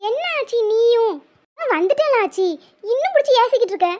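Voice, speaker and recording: A woman voicing a sweet, devoted young village woman in a cartoon, in a high, soft, girlish voice. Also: expressive, brisk. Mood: pleading. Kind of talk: cartoon voice acting. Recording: slightly muffled lo-fi audio.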